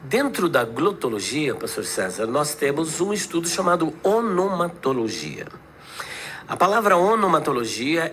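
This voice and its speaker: Bright-voiced pastor lecturing. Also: male voice, on the high side, a little hiss or hum. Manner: didactic, explains word origins step by step. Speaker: pastor and guest. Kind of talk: podcast debate.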